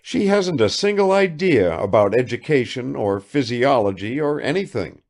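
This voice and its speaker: Here a man pitches his medium, somewhat mellow voice upward and reads expressively as an affected provincial woman. Her chatter gushes along in quick-fire questions that she never waits to have answered.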